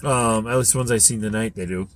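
A man's voice: on the low side, fast. A man hosting his own podcast, chatting casually and thinking aloud with lots of fillers while driving his car. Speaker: podcast host. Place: inside a car.

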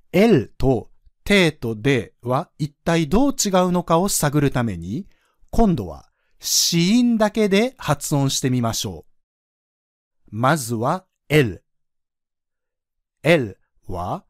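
A man's voice: on the high side, dry recording, clean studio sound. A man teaching French pronunciation on a podcast, patiently demonstrating sounds for listeners to repeat.

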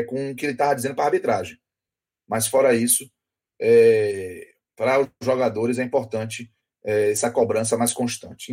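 Speak as an opinionated man with a husky voice. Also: mid-range voice. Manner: opinionated, hedging with fillers. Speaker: sports commentator. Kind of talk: football talk show analysis.

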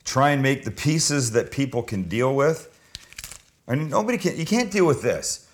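A man's voice: mid-range voice, animated, moderate pace. A man talking viewers through a dish like a cooking show host, chatty, informal and opinionated. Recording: clear background noise with kitchen clatter.

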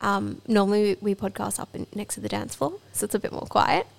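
Woman, podcast host, blunt, bubbly, mid-pitched, casual chat in a basement. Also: quick pace, creaky. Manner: blunt, bubbly, laughs often. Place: club basement.

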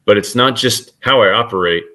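A man's voice: fairly low pitch, fairly quick, pushed and bright. A middle-aged man, a guest author, talking earnestly in a casual podcast interview with frequent restarts.

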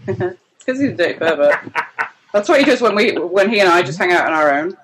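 A man playing a tabletop game with friends, excitable and joking, laughing often. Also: high-pitched, a little fast, background noise. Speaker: player. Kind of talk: casual tabletop play.

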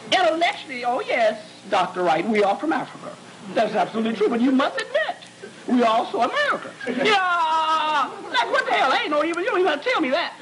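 A psychologist gives an animated lecture to students, repeating words as he searches for them and joking with the audience. His voice is extremely high-pitched and brisk, with crowd and background noise.

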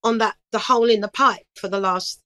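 A woman's voice: medium pitch, fairly even intonation, fairly quick, pushed and bright, dry recording, low-quality recording. A middle-aged woman, a singer and DJ, chatting in an interview in a chirpy, upbeat way and telling stories with lots of energy. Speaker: singer and DJ guest. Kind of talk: casual interview chat.

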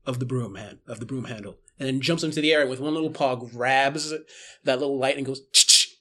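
A man with an average-pitched voice takes part in a tabletop role-playing game. He casually describes his character's moves in improvised narration. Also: fairly quick, fairly bright tone.

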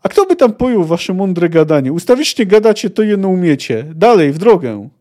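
A man's voice: sits high, big pitch swings, normal speed, dark tone. A man reading aloud and voicing a blunt, plain-spoken young woman archer from the forest. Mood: dry. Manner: curt, folksy talk.

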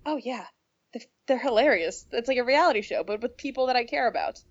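Young woman co-host, animated and giggly, dry lo-fi mic. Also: fairly high pitch, fast talker, no echo. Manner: laughs often, animated, quotes lines in put-on voices. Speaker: podcast co-host. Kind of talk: casual chat. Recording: dry, dull lo-fi sound.

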